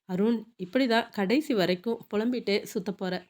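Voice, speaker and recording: A woman's voice: medium pitch, moderate pace, a little mellow, lightly acted. Woman reading as a brusque male film director. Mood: scolding. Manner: brusque, scolding. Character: stern male film director, impatient boss.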